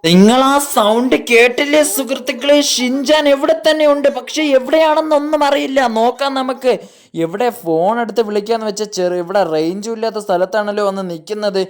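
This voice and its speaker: Woman, gameplay commentary, dramatic exclamations, slightly high voice. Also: brisk. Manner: dramatic, exclaiming, constantly addressing viewers. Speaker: gaming YouTuber.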